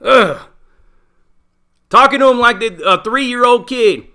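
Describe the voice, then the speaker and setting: A man's voice: very high voice, slow, bright, forceful tone. A middle-aged man, a former prisoner, talking bluntly in a casual monologue full of profanity and street slang. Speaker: channel host, former prisoner.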